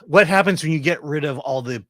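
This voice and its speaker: A middle-aged man giving casual movie commentary as a reviewer, explaining his opinions in a halting, opinionated way. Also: on the high side, fairly bright tone, dry recording, studio quality. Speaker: film reviewer.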